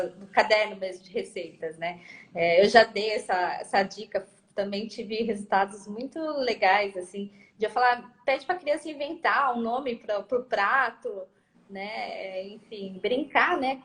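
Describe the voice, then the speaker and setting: A Brazilian woman with a mid-pitched voice, heard as a guest consultant giving practical parenting tips. She agrees readily and talks in loose, restarting phrases. Her voice carries a roomy echo. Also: normal speed, a bit bright. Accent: Brazilian Portuguese. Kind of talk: casual live-stream conversation. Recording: echoey room sound.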